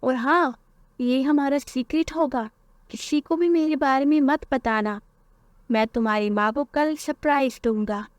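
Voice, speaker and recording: A woman voicing a sly male thief who sweet-talks children in a cartoon story, with a coaxing, quick manner. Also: sits high, no echo.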